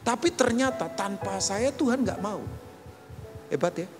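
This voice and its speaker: Lively joking middle-aged pastor, echoey hall. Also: male voice, high-pitched, unhurried. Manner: animated, joking, chatty with the congregation. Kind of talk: live church sermon. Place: large church hall. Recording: echoey church hall with music. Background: keyboard and guitar music.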